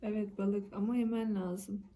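A woman's voice: medium pitch, little pitch movement, normal speed, mellow. A woman talking to a baby as a mother at mealtime, coaxing the child in short, repeated, casual phrases. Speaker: mother feeding her toddler.

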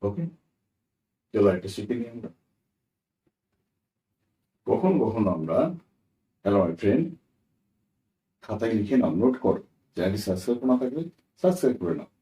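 Warm-toned and lowish, with big pitch swings, this man teaches English pronunciation by spelling words out letter by letter, repeating them slowly and asking "right?" again and again. The low-quality audio sounds roomy and far from the microphone.

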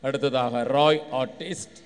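A man announcing names at a church function in a measured, formal delivery. His voice is smooth and clear at a middle pitch, carried over a public address system. Long reverb trails after each phrase in the large hall. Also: fairly even intonation. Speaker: master of ceremonies.

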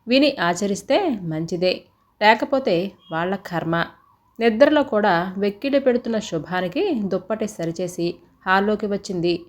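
A woman narrating an audio story in a steady, reflective way, often asking rhetorical questions. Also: mid-range voice, moderate pace.

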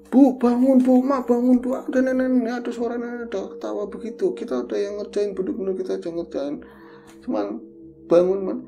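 A frantic, terrified young man calls out over and over in desperate pleading cries, performed by a man. His voice sits high and strained, with a gravelly edge and a dark tone. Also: steady tone, fairly quick, highs cut off, faint music behind.

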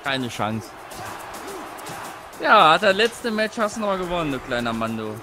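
A man commentating a wrestling video game with a friend, excitable, shouting and groaning at the action and teasing his opponent. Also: on the high side, moderate pace, over music. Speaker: let's play co-host.

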